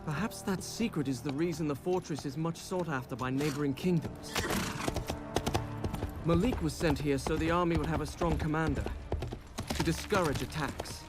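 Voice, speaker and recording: An actor playing a wry, confident young Persian prince in a video game, with loud music behind him. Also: male voice, on the high side, normal speed, natural voice. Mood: earnest storytelling. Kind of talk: video game narration and dialogue. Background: loud game soundtrack music.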